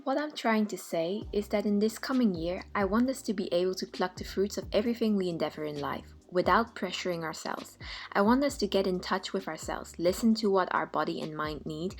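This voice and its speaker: A woman's voice: on the low side, rough recording. A woman in her twenties talking casually to her viewers in a vlog, rambling with frequent ums and restarts. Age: 20s. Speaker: vlogger. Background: background music.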